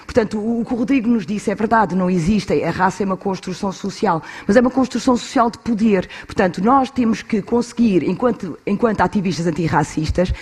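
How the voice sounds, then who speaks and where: A woman's voice: mid-range voice, fast, hardly any pauses, a little mellow, slightly rough. A woman with a European Portuguese accent giving an earnest, argumentative conference talk as an activist, asking questions and answering them herself. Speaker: conference panelist, anti-racist activist.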